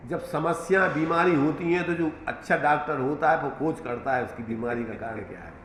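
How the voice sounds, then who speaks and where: A man's voice: a little high, moderate pace, fairly bright tone. A man teaching a scripture class, patient and explanatory, repeating key terms and using homely examples. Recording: echoey room, faint background noise.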